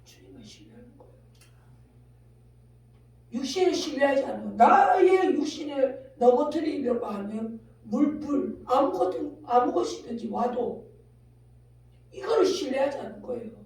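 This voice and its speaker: A woman preacher giving a fiery sermon. She swings between shouting and hushed asides, firing rhetorical questions at the congregation. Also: high-pitched, expressive, normal speed, pauses often. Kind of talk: fiery Korean revival sermon. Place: large echoing prayer-house hall. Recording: very echoey hall, voice far from mic, faint hum.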